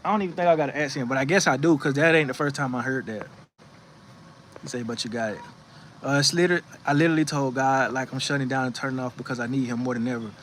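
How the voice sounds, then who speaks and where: A man speaks in a mid-range voice at a quick pace, his tone fairly bright, with slight background noise behind him. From a rocking chair on his outdoor porch, he hosts a faith livestream, offering casual spiritual encouragement and reading the chat. His manner is preachy yet conversational, full of restarts and "you know what I'm saying."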